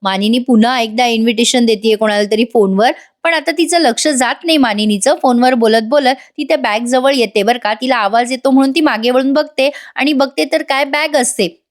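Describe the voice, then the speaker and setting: A woman narrating a chatty voice-over recap of a TV serial, reading out the characters' lines and talking directly to her viewers. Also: fairly high pitch.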